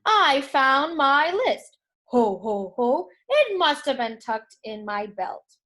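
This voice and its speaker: A woman's voice: sits high, big pitch swings, slow pace, bright, forceful tone, full character voice. A woman voicing a commanding old Santa Claus in a children's storybook, speaking in decisive pronouncements. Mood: jolly, relieved.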